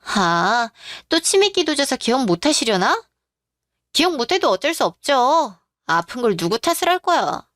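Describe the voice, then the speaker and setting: A woman's voice: high-pitched, fairly bright tone, no echo, clean studio sound. A woman voicing a rude, mocking young sister-in-law in a radio drama, sarcastic and sneering.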